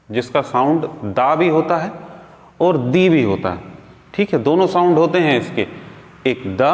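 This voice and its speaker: Slow-teaching man in an echoey room. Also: fairly high pitch. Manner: slow, drawn-out teaching delivery with repeated examples. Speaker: English teacher. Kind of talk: grammar lesson. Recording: echoey room with long reverb.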